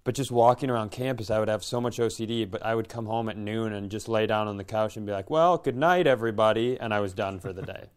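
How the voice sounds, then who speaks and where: With a smooth voice on the low side, the man talks quickly and hardly pauses as he spins a lighthearted personal anecdote at his own expense. He's a podcast host and comedian, and he slips into imagined dialogue as he goes.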